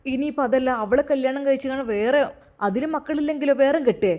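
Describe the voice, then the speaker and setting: A woman voicing a gentle, loving young husband in an amateur story drama. She speaks in a Malappuram Malayalam accent, soft and soothing. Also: high-pitched, fast talker, close to an everyday voice.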